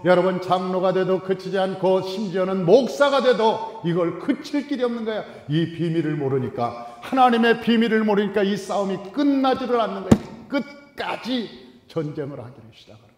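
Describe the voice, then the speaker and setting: Man, pastor at the pulpit, high voice, reverberant church hall, storytelling preacher who drops from loud to hushed. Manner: humorous storytelling with sudden swings from loud to soft. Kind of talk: sermon. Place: large church sanctuary.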